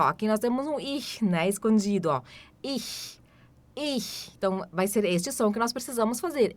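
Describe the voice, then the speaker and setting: A woman with a Brazilian Portuguese accent teaching an online German lesson, explaining step by step and slowly repeating each German word several times. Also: a little high. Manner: explains step by step with frequent "tá?" and "né?" checks.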